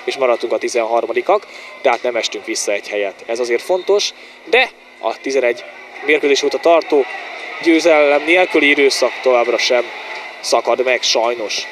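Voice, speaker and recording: Excited man commentating football over stadium noise. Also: mid-range voice. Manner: excited, partisan, short exclamations and repeated player names. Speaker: football commentator for the home side. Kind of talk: live football match commentary. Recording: noisy outdoor stadium sound.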